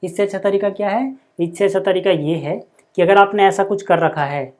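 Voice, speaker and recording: A man teaching a maths lesson step by step, dictating numbers slowly and checking in constantly with his students. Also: sits high, steady tone.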